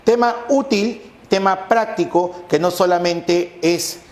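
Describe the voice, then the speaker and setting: A man's voice: high voice, slow. A male teacher giving an exam-prep lecture on grammar, methodical and recapping with rhetorical questions, possibly from Peru. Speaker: language teacher. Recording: echoey room.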